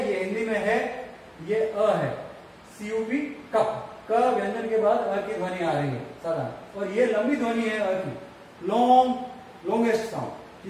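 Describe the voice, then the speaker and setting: Slow high-voiced Indian man teaching phonetics. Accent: Indian English. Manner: slow, deliberate, spells words out letter by letter. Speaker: English teacher trainer. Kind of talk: bilingual phonetics lecture. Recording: echoey room, voice from a distance, faint background noise.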